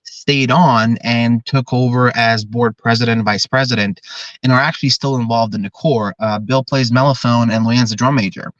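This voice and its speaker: A man's voice: mid-range voice, steady tone, moderate pace, a bit bright, no echo. Earnest young man, dull dry sound. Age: 20s. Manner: earnest, talkative, explains at length. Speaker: drum corps director. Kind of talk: podcast interview.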